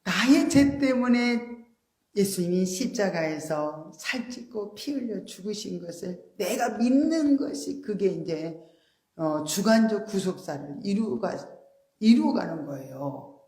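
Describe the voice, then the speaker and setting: A woman pastor preaching a sermon in an animated, emphatic way, often acting out quoted voices. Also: mid-range voice, measured pace, reverberant. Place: church.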